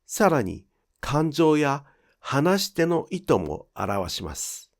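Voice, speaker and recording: Male lesson narrator, clear and measured, very animated intonation. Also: a little high. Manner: clear, measured explanatory delivery. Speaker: Japanese pronunciation teacher. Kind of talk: scripted instructional narration.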